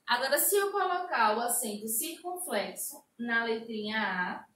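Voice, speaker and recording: A woman teacher with a Brazilian accent, slowly explaining a lesson to young children and drawing out her example words. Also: a little high, animated, a bit bright, a little hiss or hum. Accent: Brazilian Portuguese. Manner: slow, sing-song explaining with drawn-out example words. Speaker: primary school teacher. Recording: echoey room, a bit distant mic.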